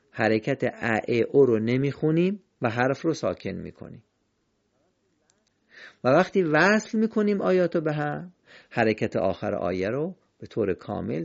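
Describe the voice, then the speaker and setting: A man teaching the rules of Quran recitation in a patient, step-by-step way, slowly chanting example verses. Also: mid-range voice, creaky, darkish tone, muffled recording. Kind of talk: recorded lesson on recitation rules.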